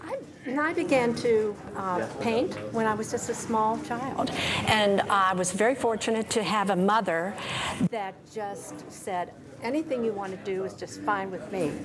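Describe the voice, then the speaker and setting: An older woman speaks as a studio guest at a medium pitch. She explains herself haltingly and without a script, with clear chatter in the background. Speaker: guest porcelain painter and teacher. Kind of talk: unscripted guest interview talk. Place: TV studio desk, indoors. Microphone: lapel mic.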